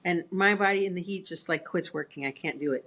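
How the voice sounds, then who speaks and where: A woman in a casual chat, telling stories in an animated way and laughing at herself. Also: lowish voice, a little fast. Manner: animated storyteller, acts out quotes, laughs at herself.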